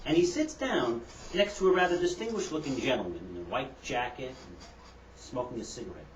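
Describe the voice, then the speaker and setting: A man telling a joke on a talk show in an animated storytelling manner. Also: mid-range voice, a little fast, a little hiss or hum. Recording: echoey room, distant mic.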